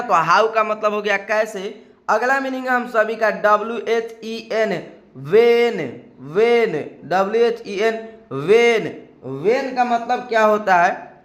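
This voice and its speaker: Indian male tutor, high voice, unhurried, spells words out and repeats them for learners. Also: a bit bright. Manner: spells words letter by letter, repeats each word slowly. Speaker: English teacher. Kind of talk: spoken English lesson.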